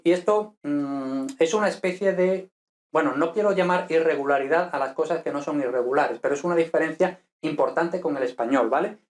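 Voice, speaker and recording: Man explaining Italian grammar, slightly high voice. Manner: explanatory, checks in with frequent "¿vale?". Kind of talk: lecture over slides.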